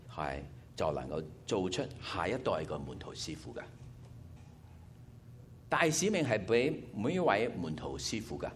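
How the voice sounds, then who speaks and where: A man's voice: deep voice, slight background noise. A man preaching a sermon to a church gathering, explaining his points step by step with worked-out numbers.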